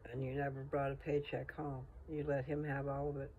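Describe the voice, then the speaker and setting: A man's voice: mid-range voice, monotone, a little fast, narrow, tinny audio, slight background noise. A man talking in a casual, folksy, rambling way, thinking aloud as if to someone he knows. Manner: folksy, informal, thinking aloud with trailing asides.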